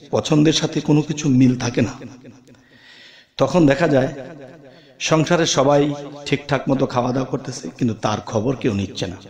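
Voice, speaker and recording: A man giving an earnest religious talk, lifting his voice on questions and then dropping low and soft. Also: echoey room. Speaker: preacher.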